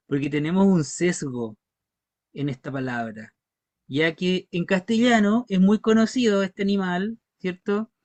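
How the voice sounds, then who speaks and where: A man's voice: high voice, darkish tone, no room sound. A man with a Chilean accent teaching an online language class, patiently repeating words for pronunciation. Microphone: video call. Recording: dull, dry video call audio.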